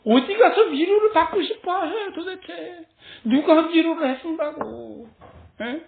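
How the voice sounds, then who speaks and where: A woman delivers a sermon with lively energy, often laughing as she preaches. Her voice comes through narrow and tinny, like a phone line. It rings in a roomy, echoing space. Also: extremely high pitch, measured pace, gravelly, slight background noise. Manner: animated, acts out quoted voices, laughs often. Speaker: pastor. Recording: tinny phone-like sound in an echoey room.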